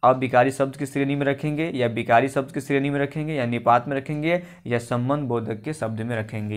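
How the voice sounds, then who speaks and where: A male teacher giving a grammar lesson for exam preparation. He explains step by step, often asks a question and then answers it himself. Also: mid-range voice. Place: coaching class recording.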